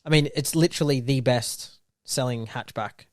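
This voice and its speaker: A man's voice: mid-range voice, normal speed, dry recording, studio quality. A man co-hosting a car podcast, chatting casually with a teasing, opinionated manner. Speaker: podcast co-host. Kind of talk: casual chat.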